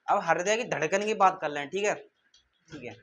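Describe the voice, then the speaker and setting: High-voiced man drilling a lesson. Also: moderate pace, fairly bright tone. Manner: repeats questions and answers them himself; drills terms in call-and-response rhythm. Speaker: teacher. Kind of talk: classroom lecture.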